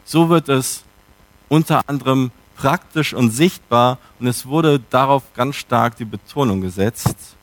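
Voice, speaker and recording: A man's voice: mid-range voice, unhurried, dry recording. A man preaching a sermon in a reflective, questioning way, with emphatic turns.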